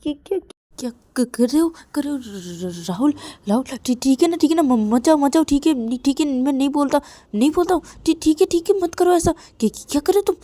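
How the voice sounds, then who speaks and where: A woman voicing a demanding young man who keeps pressing his partner, in an insistent, taunting manner with high-pitched shouting. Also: level tone, brisk, hardly any pauses, close to an everyday voice. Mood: panicked stammering.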